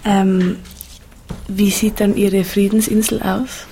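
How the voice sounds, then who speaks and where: A woman's voice: mid-range voice, flat delivery, slow, warm tone, slight background noise. A woman interviewing a guest on the radio, asking questions and giving short affirmations. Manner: brief affirming backchannels.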